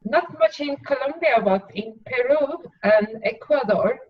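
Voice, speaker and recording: A woman's voice: high-pitched, unhurried. A Turkish woman with a Turkish accent, a guest house sitter telling stories animatedly in casual panel chat over a video call. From Turkey. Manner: animated storytelling, acts out others' voices. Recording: distant, muffled lo-fi audio.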